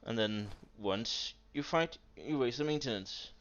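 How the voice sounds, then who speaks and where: Over gameplay, a man offers casual, blunt remarks on someone's strategy game nation, sounding exasperated and leaning on lots of fillers. His voice sits at medium pitch, a little slow and a bit bright. Keyboard clatter runs behind a dull, lo-fi microphone.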